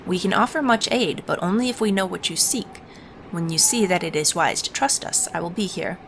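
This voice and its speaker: A woman's voice: lowish voice, brisk, slight background noise, lightly acted. A woman voicing a pompous male wizard advisor from a game, with solemn, theatrical, hammy stage delivery, falsely subservient. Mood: proud, servile. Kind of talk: video game dialogue read-aloud.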